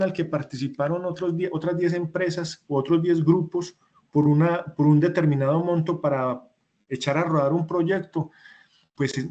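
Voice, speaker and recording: Guy teaching a class online, bit high voice, repeats stuff w examples. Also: darkish tone. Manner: explanatory, repeats points with examples. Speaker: instructor.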